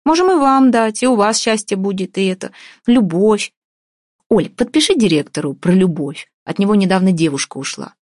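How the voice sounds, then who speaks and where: A woman's voice: mid-range voice, lively intonation, normal speed, a little mellow, no echo, clean studio sound, lightly acted. A woman reading an audiobook, voicing a pushy, sarcastic young woman who argues with everyone. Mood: wheedling. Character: brash feisty young woman, gingerbread seller.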